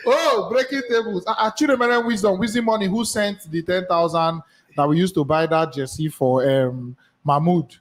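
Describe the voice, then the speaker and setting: A man's voice: high-pitched, normal speed. A man with a Nigerian accent casually hosting a call-in show, often repeating words and phrases. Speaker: host.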